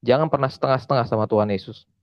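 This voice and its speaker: A man's voice: mid-range voice, steady tone, racing, no echo, lo-fi sound. A man preaching and giving a testimony in a conversational, emphatic way, often calling out to his listeners. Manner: conversational, addresses listeners as saudara, emphatic repetition. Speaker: evangelist preacher. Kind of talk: sermon testimony.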